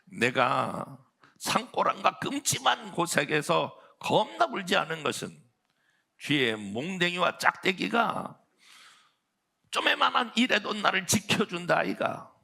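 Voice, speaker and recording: A pastor doing a lively Jeolla dialect. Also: male voice, high-pitched, gravelly, breathy edge, pitched above the performer's own voice, heavily acted. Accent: Jeolla dialect, put on. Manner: exclamatory, playful folksy delivery. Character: man reciting a psalm in Jeolla dialect.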